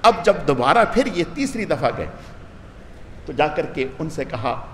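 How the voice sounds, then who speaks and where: Male religious scholar, animated sermon storytelling, slightly high voice, reverberant hall. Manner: storytelling with voiced dialogue, rising and falling emphasis. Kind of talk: Quran commentary sermon. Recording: hall with long reverb, faint noise.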